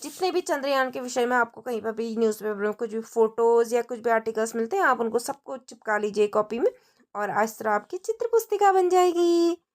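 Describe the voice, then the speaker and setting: A high-voiced woman with a darkish tone teaches young children a textbook lesson at a slightly fast pace. Friendly, she explains in simple Hindi mixed with English words and asks the children questions as she goes.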